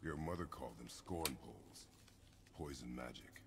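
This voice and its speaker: An actor playing a stern, gruff warrior father, speaking tersely and solemnly with a grave, gravelly voice. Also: very deep voice, moderate pace, background noise.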